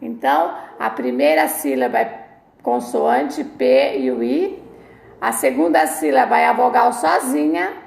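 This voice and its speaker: A Brazilian woman teacher giving a recorded video lesson for children, explaining words slowly and syllable by syllable. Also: sits high, expressive, vocal fry, darkish tone. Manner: slow, deliberate syllable-by-syllable explanation. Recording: echoey room sound.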